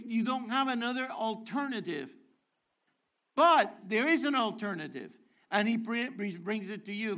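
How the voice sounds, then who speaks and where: A man's voice: extremely high pitch, sharp tone. An older man teaching a sermon, explaining Hebrew words with emphatic bursts. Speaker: Messianic teacher.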